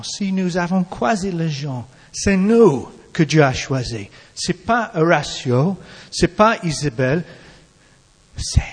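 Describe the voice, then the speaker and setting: A man with an English accent preaching a sermon in halting French, restarting his words often. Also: sits high, slightly rough, long reverb tail.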